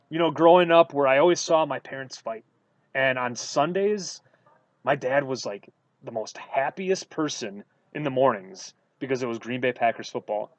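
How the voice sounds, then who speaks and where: A man from Wisconsin co-hosting a sports podcast, telling stories in a casual, animated way with lots of fillers. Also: a little high, no room sound, highs cut off. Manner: animated storytelling with many fillers. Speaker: podcast co-host.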